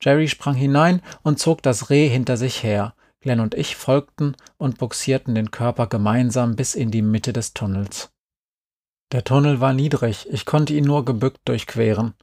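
A man calmly reading a first-person story aloud. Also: mid-range voice, normal speed, dry recording, studio quality. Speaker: audiobook reader.

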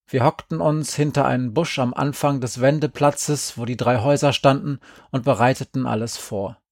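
A man reading a story aloud in a calm, even storytelling manner. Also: medium pitch, normal speed, no echo, studio quality. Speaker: narrator. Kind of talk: audiobook narration.

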